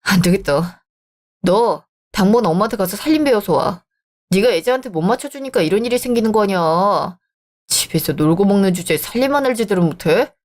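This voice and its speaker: A woman voicing a bossy married man who pushes and scolds in a lowered voice. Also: animated, brisk, darkish tone, natural voice. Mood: scolding. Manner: pushy, scolding, lower-pitched. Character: bossy married man, sister-doting husband.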